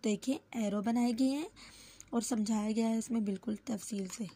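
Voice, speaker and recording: A woman teaching how to pronounce Quranic letters, who repeats each sound slowly and drawn out and explains with small fillers and self-corrections. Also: a little high, fairly even intonation, dark tone. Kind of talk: step-by-step lesson on letter pronunciation.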